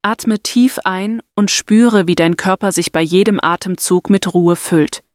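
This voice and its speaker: A woman narrating a scripted guided meditation and affirmations in a soft, soothing, deliberate manner. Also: mid-range voice, no room sound, studio quality.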